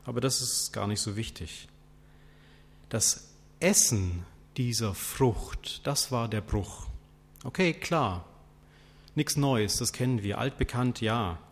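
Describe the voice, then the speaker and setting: A male preacher delivers his sermon at an unhurried pace, posing rhetorical questions one after another. His voice sits at an ordinary middle pitch. A long reverb trails each phrase, as in a large church hall.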